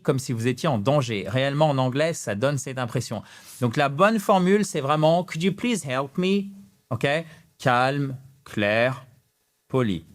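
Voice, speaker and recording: A man with a French accent hosts an animated English lesson, speaking straight to camera. He is expressive and gestures as he talks, stretching out the English example phrases and pushing their intonation up at the end. His voice sits at an ordinary middle pitch. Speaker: English teacher. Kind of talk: animated online language lesson.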